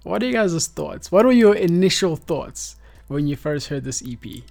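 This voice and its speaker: A South African man in his twenties hosts a casual podcast, rambling in a relaxed way with plenty of fillers. His voice is a little high with vocal fry, his pace is normal, and soft music plays in the background.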